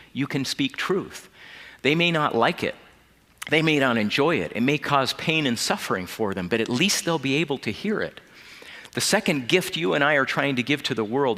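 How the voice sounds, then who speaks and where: Earnest man speaking in a reverberant hall. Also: medium pitch. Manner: earnest, drops to a hushed voice for emotional moments. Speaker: corporate trainer giving a keynote. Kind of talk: storytelling keynote speech. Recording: long reverb of a large hall.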